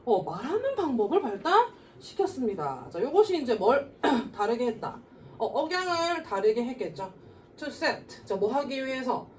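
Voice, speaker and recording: In a classroom, a woman with a voice on the high side teaches middle school students an English reading lesson at a moderate pace, lecturing to explain a reading passage. Animated, she poses questions and answers them herself, using frequent fillers and repeatedly saying "자". A distant mic picks her up with faint noise.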